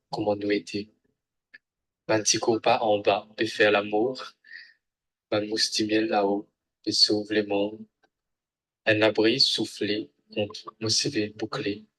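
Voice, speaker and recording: A man's voice: on the low side, fairly bright tone, rough recording. A man from Mauritius with a Mauritian accent, reciting a poem in short phrases. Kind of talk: poetry recitation in Mauritian Creole.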